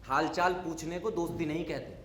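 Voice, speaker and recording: Man doing a grumpy unsociable neighbor, sarcastic and scolding, high voice, echoey room. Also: moderate pace, a little hiss or hum, close to an everyday voice. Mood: dismissive. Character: grumpy unsociable male neighbor, middle-aged. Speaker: stage actor. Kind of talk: theatrical monologue.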